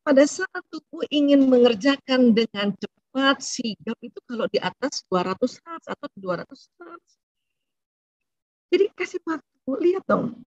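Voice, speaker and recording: A woman giving a religious seminar talk on family and emotions, explaining in a conversational way and often tagging her phrases with a soft "ya". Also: high-pitched, animated, measured pace, dry recording, muffled recording. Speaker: Islamic lecturer on family and emotions.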